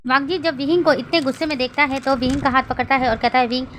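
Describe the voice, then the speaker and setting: A woman reading fan fiction aloud as a storyteller, in a steady, even way. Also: sits high, fast, slight background noise, poor audio.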